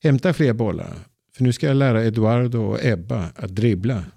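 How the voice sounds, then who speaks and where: A man reading the lines of a friendly newcomer in a simple story, a bit higher than his narration. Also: gravelly, warm tone.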